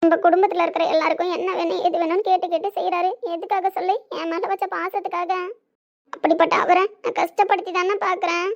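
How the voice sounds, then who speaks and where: A woman's voice: very high voice, little pitch movement, quick pace. A woman playing a tearful young wife who earnestly pleads for her husband in a family skit. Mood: earnest pleading. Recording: dull lo-fi recording.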